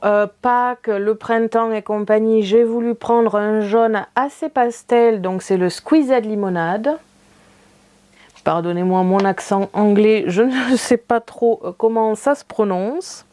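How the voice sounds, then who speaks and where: French-sounding craft vlogger lady, chatty, lots of euhs, soft mellow tone. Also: medium pitch. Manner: chatty, many fillers, light laughs. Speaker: craft channel host. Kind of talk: casual haul video.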